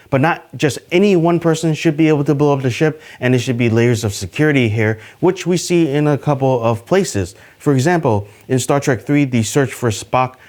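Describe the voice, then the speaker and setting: A man hosting a casual trivia video, talking to the camera in an upbeat, chatty way with plenty of fillers. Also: a little mellow. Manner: enthusiastic, pitch jumps on list numbers. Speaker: YouTube host.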